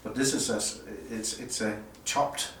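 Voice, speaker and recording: The man presenting is a loudspeaker designer at an audio show, giving an unscripted, semi-technical premiere talk indoors. He speaks haltingly to explain things, his medium-pitched voice a bit bright with fairly even intonation. A distant mic leaves the recording roomy, with faint background noise.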